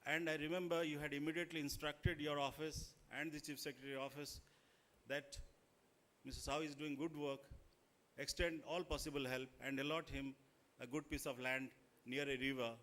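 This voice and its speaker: A man with an Indian accent gives a formal, deferential public speech in deliberate short phrases. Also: fairly high pitch, level tone, fairly bright tone. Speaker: school chairman addressing a chief guest.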